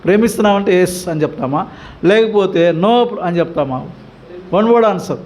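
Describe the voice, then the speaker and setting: A man's voice: high voice, animated, fairly quick, a little mellow, a little hiss or hum. A male pastor with a Telugu accent teaching the Bible, questioning his congregation over and over and pushing them to answer, with English words dropped in. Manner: mixes English words into the talk.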